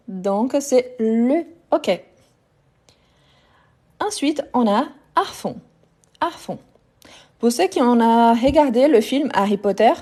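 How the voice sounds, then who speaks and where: A woman's voice: fairly high pitch, dark tone. A woman teaching a live online French lesson, patiently repeating each word to drill pronunciation and speaking directly to her viewers.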